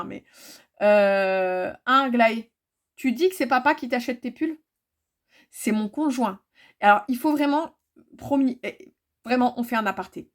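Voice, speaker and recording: A woman chatting casually to her viewers about her cross-stitch projects, full of fillers and repeated words. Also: fairly high pitch.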